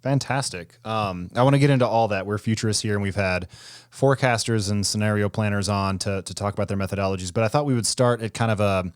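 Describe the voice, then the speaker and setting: A man's voice: on the low side, quick pace, clear, resonant tone, no echo, studio quality. A man hosting a podcast interview, introducing his guest and asking friendly, slightly rambling questions. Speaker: podcast co-host.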